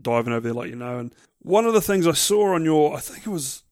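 A man's voice: on the high side, animated, fast talker, a little mellow. A man with a New Zealand accent hosting a casual interview in a matey, slangy, informal way. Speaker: interviewer, show host. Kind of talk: casual chat.

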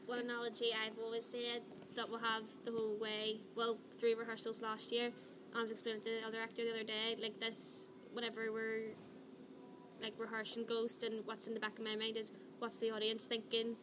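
Higher-pitched, flat-toned woman in noisy room tone. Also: fairly quick. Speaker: play director in an interview. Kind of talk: casual chat. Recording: clearly noisy background ambience.

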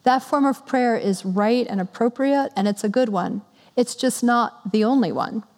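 Woman preacher, higher voice, conversational and earnest sermon, long hall reverb. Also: moderate pace, a little mellow. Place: church.

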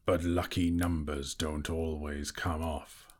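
A man voicing a slow, sly, sneering male dragon in a storybook reading, drawing out each word with mocking menace. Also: extremely low pitch, level tone, exaggerated voice.

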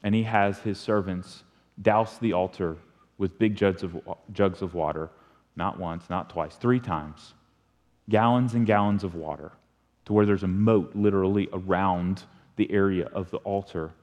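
A man preaching a sermon as a pastor, telling the story with animated swings from loud emphasis to hushed delivery. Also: low voice, moderate pace. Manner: animated storytelling preacher, rising and falling in volume. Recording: long reverb of a large hall.

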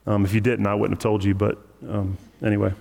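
Casual preacher in a reverberant hall. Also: male voice, fairly low pitch, little pitch movement, quick pace, creaky, a little mellow. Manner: casual, conversational, joking asides. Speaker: pastor. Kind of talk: sermon teaching through scripture. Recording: long reverb of a large hall.

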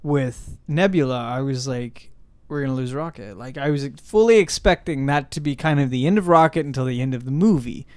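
A man's voice: mid-range voice, brisk, few pauses, no echo. A man talking eagerly and at length about a film on a casual podcast. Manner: enthusiastic, rambling. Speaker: podcast host. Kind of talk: casual chat.

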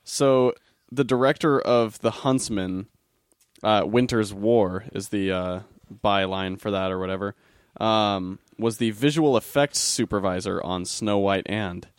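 A man's voice: on the low side, a little slow, clear, resonant tone, no echo, clean studio sound. A man co-hosting a podcast, rambling through casual chat and looking up movie facts. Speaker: podcast co-host.

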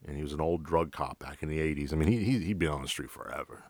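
New york cop hosting his podcast, low voice, blunt and swears a lot, dry sound. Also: fast, gravelly, a little mellow, dry recording. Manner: blunt, profane and direct. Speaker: podcast host and police officer. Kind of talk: casual storytelling.

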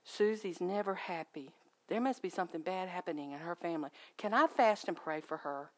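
A middle-aged woman giving a personal testimony at a church, telling stories in a lively way and acting out the voices of people she quotes. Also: on the low side, brisk. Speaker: guest speaker at a church.

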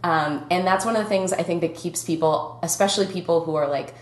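A woman's voice: lowish voice, fairly quick, roomy sound. A young woman with a Minnesotan accent hosting a podcast, chatting casually and laughing often. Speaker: podcast host.

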